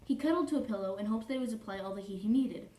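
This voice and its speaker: In cosplay, a woman plays a prim, easily offended young troll reading fanfiction aloud in a formal, pedantic, fussy tone, pausing to correct herself and apologize. Her mellow, slightly dark voice is fairly high, very fast, and close to everyday speech. It's heard from a distant mic in an echoey room with faint background noise.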